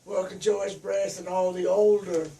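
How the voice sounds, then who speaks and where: Woman in her seventies, gravelly dark voice, rambling recollections, distant mic. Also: medium pitch, flat delivery, unhurried. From Louisiana. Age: 70s. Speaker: interviewee. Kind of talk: casual family interview. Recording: distant mic, faint ambient noise.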